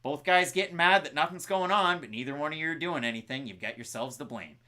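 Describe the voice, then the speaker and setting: A man co-hosting a live fight watch-along, calling the action with excited play-by-play and reading out fan scores. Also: fairly high pitch, fast. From Canada. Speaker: co-host.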